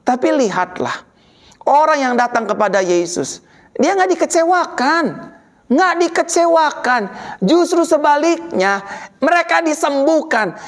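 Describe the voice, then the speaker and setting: A woman's voice: sits high, expressive, a little slow. Dramatic woman pastor preaching. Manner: dramatic, swings between loud and quiet. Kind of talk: sermon.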